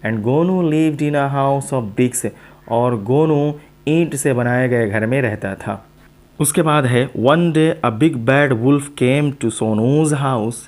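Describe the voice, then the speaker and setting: Male language teacher, unhurried, middle pitch, patient repetitive delivery. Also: darkish tone. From South Asia. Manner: slow, repetitive, explains each word in turn. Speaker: English teacher. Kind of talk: teaching English to Hindi speakers.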